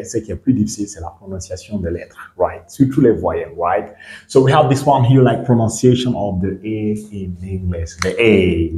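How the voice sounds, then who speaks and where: A man from Guinea teaching a lesson, repeating each word slowly and often asking whether the listener understands. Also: low-pitched, warm tone, echoey room. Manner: repeats words slowly, checks understanding with questions. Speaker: English teacher. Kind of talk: bilingual classroom lesson.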